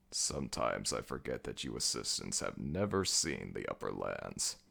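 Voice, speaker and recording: In an ASMR roleplay, a man voices a brooding, commanding ancient jackal god of the dead, speaking slowly and imperiously in a very deep, gravelly voice. He also slips into a bright, pushed, sing-song full character voice. The mood is grave and explanatory.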